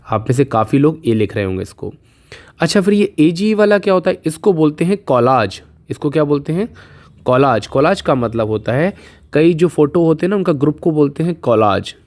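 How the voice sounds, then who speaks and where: A man teaching English spelling in a casual video lesson, patiently repeating each question and answer and slowing down to spell words out letter by letter. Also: medium pitch, expressive, darkish tone. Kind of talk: casual Hindi video lesson with memory tricks.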